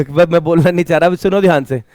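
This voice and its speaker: A man's voice: fairly high pitch, fast, a little mellow, dry recording, clean studio sound. A man teaching a classroom lecture, asking students questions and mixing English terms into his talk. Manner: mixes Hindi with English terms.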